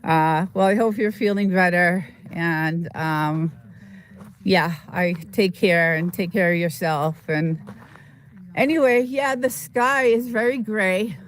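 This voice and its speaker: A livestream host greets her viewers from an outdoor desert spot, rambling and stumbling through plenty of fillers, sniffly with a mild cold. She speaks at a medium pitch.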